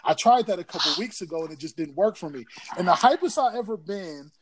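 A man hosting a podcast in casual, slangy, profane frat-bro banter, excitable and quick to laugh. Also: high-pitched, a crowd in the background. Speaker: podcast host.

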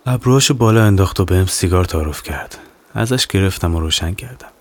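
A man narrating a serialized horror audio novel in the first person, calm and measured. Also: deep voice. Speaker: narrator and author.

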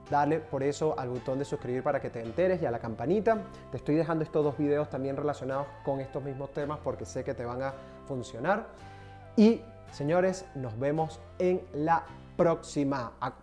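A man speaks as a career coach in an energetic online tutorial. He drives points home by repeating words and speaks straight to his viewers. Soft background music plays faintly underneath his voice. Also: on the high side. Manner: emphatic, repeats words for stress, addresses viewers as "señores".

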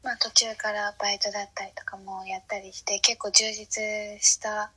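A woman's voice: medium pitch, flat delivery, moderate pace, pushed and bright, husky. A woman in her late teens chatting casually and hesitantly, searching for her words. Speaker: guest looking back on high school. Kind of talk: casual chat.

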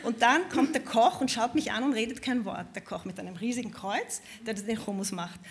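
A woman from Vienna with a Viennese accent, telling lively anecdotes as a guest musician and laughing often. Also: a little high, fairly quick, crowd noise. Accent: Viennese German. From Vienna, Austria. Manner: animated, expressive, laughs often while telling stories.

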